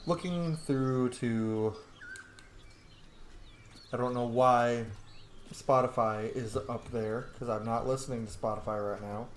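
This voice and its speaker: A video game streamer hosts a gameplay video in a medium-pitched voice, speaking slowly with long pauses. His commentary is casual, rambling and full of swearing, with a sardonic edge, and the room sounds roomy with faint background noise.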